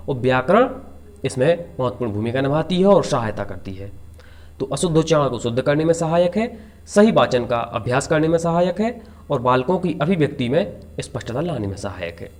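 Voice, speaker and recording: A man's voice: fairly high pitch, a little mellow. A young adult man who teaches exam preparation, giving a slide lecture and patiently repeating each point.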